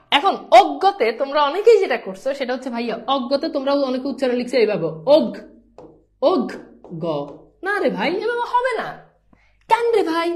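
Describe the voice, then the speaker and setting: A woman teaching a live online grammar lesson, quizzing her students and repeating each pronunciation several times. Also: high-pitched. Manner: sprinkles English words into speech.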